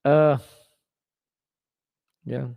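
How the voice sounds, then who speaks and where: A man giving blunt, casual preaching talk to his viewers, clearing his throat often. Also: mid-range voice, flat delivery, extremely slow, phone-quality sound.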